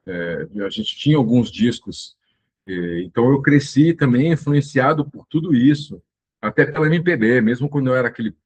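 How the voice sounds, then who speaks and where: A man in his fifties from the interior of São Paulo state, Brazil, hosts his channel and reminisces in a casual, rambling monologue full of fillers and restarts. His voice is medium-pitched and slightly rough, and the recording sounds muffled.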